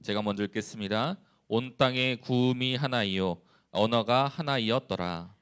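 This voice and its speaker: A man who is a church evangelist, leading a responsive scripture reading and then preaching calmly with frequent hesitations. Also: mid-range voice, clear, resonant tone. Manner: calm, unhurried, with frequent hesitations.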